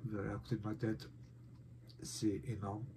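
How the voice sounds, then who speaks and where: A figure collector reviews a figurine in a casual unboxing vlog, his low, rather flat, mellow voice stuffed up from a head cold. He talks to his viewers hesitantly, pausing often and saying "euh" a lot, with a faint hiss under the audio.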